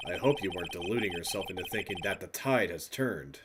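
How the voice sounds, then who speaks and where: A man's voice: low-pitched, animated, fast talker, noisy background, voice pushed down. A man voicing a smug, haughty male prosecutor. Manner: haughty, condescending. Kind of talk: reading game dialogue aloud in character. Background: game music.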